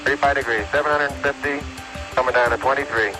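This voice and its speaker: A man's voice: mid-range voice, fairly even intonation, fast, music in the background, low-quality recording. A man, a spacecraft crew member, calling out terse numeric reports over a two-way radio transmission. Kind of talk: clipped radio call-outs.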